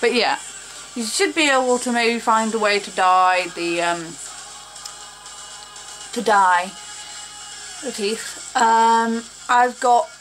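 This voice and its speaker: A woman with a slight lisp giving a casual, rambling how-to talk, unhurried and full of fillers. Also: fairly high pitch, a bit bright, soft background music. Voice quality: slight lisp from wearing false teeth. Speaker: cosplay tutorial maker.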